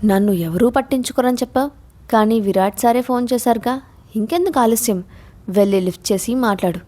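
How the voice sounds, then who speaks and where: A woman voicing a young woman, a restless friend with a teasing, lively way of talking. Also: a little high, a little fast, close to an everyday voice.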